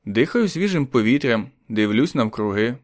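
A man voicing a quiet, lonely writer who answers politely and mildly, in an audiobook story. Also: medium pitch, expressive, moderate pace, close to an everyday voice. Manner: polite, mild, softly protesting. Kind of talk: audiobook reading.

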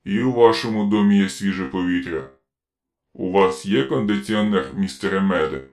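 A man's voice: deep voice, moderate pace, a little mellow. Man doing a metallic robot police car voice. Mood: cold commanding. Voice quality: metallic, mechanical. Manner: curt, commanding interrogation. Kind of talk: audiobook reading.

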